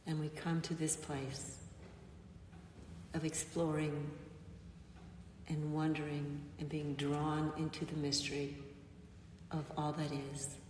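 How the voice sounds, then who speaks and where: A woman pastor giving a gentle, reflective sermon with frequent pauses, recorded in a church sanctuary from a distant mic. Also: sits low, completely flat delivery, a little hiss or hum. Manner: gentle, reflective, pausing often. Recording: echoey church, mic far off.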